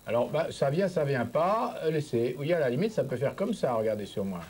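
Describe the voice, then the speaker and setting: A man's voice: mid-range voice, very animated, brisk, darkish tone, husky, soft background music. A man coaching a patient through voice exercises, patient and encouraging, often checking that he is understood. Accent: French. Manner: patient, encouraging, repeats "vous voyez" often. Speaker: speech therapist.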